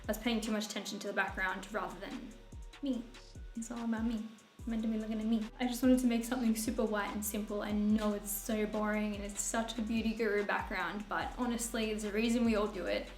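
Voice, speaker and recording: Talking quickly with fairly even intonation, a young woman rambles through a chatty makeup tutorial, bubbly and self-mocking with laughter. She's a beauty vlogger with a husky, middle-pitched voice. The small room gives a roomy echo over faint background music.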